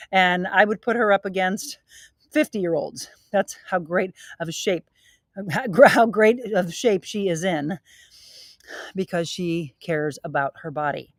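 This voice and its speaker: A middle-aged woman leads a live workout from outside her home, talking while she moves and getting a little out of breath. Her delivery is energetic and encouraging. Her voice sits at an ordinary middle pitch, and the sound is close and dry. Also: no echo. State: slightly out of breath. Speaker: fitness and wellness coach hosting a live stream. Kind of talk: live-streamed workout and motivational talk. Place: outdoors at her home, by a grilling area.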